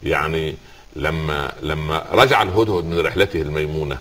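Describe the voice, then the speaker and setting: Man, Egyptian accent, Islamic scholar, very low voice, fast, rhetorical questions. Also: steady tone, a bit bright. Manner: rhetorical questions, quotes scripture. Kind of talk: religious talk with storytelling.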